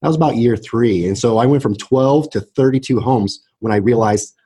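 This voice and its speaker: A middle-aged man, a real estate agent, talking casually as an interview guest, animated and full of quick restarts. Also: medium pitch, breathy edge. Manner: animated storyteller, many restarts and "right?" tags.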